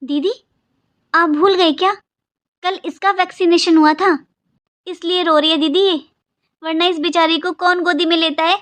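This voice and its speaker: Give me a woman voicing a weary young daughter-in-law, high and pleading. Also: steady tone, moderate pace, long pauses, fairly bright tone. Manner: pleading, complaining, earnest. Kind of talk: Hindi cartoon voice acting.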